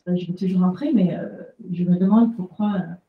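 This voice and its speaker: A woman's voice: fairly low pitch, brisk, narrow, tinny audio. A woman from Canada in the audience asks a guest author a long, hesitant question. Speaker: audience member asking a question. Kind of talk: asking a question at a book talk. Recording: echoey room, distant from the mic.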